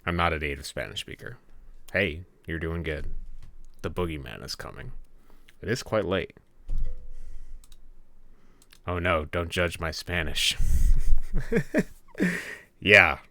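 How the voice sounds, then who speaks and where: Low-voiced with vocal fry, a young man from Michigan chats casually on a late-night live stream as a game developer, unhurried and leaving long pauses. His tone is pushed and bright, and he's laid-back, reading chat out loud over keyboard clicks and typing.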